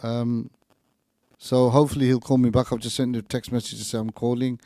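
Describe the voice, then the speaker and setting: A man's voice: mid-range voice, flat delivery, fairly quick, mellow, no echo, clean studio sound. A man co-hosting a live radio show in casual chat, hesitant and often repeating his words and phrases. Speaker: radio co-host.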